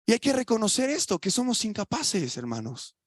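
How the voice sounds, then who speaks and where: A very animated young preacher with a Mexican Spanish accent and a high male voice gives a brisk sermon in church, casual and colloquial. Rhetorical questions fly as he shifts from loud emphatic lines to quiet asides. The recording is dry and close, without room sound.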